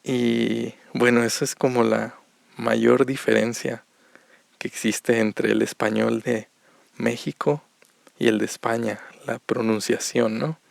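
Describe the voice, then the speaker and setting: A Mexican man with a very gravelly, creaky voice teaches Spanish on a podcast. He takes it slowly and repeats each point with example after example. The recording is dry and close. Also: medium pitch, level tone, no room sound. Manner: slow, repetitive explanations with examples. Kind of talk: podcast lesson for learners.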